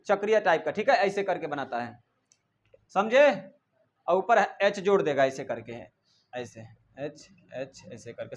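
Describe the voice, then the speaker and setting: High-pitched male teacher quizzing a class. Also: muffled recording. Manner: drills students with repeated questions, scolds them. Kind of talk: classroom chemistry lesson.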